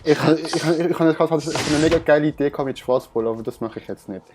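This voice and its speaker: A man's voice: on the high side, fast, background noise. A young man with a Swiss German accent, chatting playfully and a bit whiny while playing a game with a friend. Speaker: let's play host. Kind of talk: casual gameplay chat.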